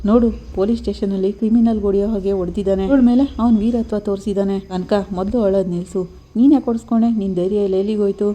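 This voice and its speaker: A woman's voice: mid-range voice, steady tone, fast talker, mellow, close to an everyday voice. A woman voicing an angry, protective man who scolds in indignant questions. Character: angry protective adult brother-in-law, man.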